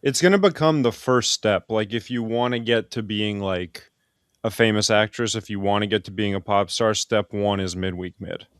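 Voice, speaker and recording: A man co-hosting a casual podcast chat, with a lowish voice. He speaks bluntly and with emphasis. The sound is dry. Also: normal speed, a bit bright, clear, resonant tone, no room sound.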